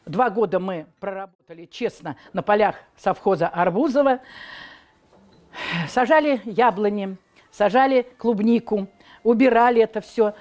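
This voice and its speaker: A woman's voice: medium pitch, moderate pace, a little mellow. A woman in her sixties recalling her youth in an interview. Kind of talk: reminiscing in an interview. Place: indoor room.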